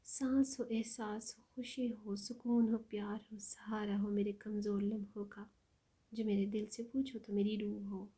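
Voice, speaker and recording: A woman voicing a devoted young husband in an audio story, speaking softly and lovingly. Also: mid-range voice, level tone, natural voice. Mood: adoring. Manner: soft, loving, poetic.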